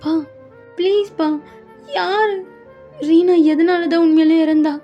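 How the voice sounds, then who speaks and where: Woman voicing a crying young girl begging, high pitched, faint music behind. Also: fairly even intonation, takes it slowly, dull audio, heavily acted. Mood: tearful. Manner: pleading, tearful. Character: tearful pleading young woman, desperate daughter.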